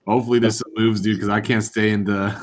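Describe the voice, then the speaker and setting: A man's voice: lowish voice, little pitch movement, a little fast, a little hiss or hum. A man in casual voice chat, rueful and laughing often, peppering his talk with bro and dude. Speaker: Discord voice chat participant.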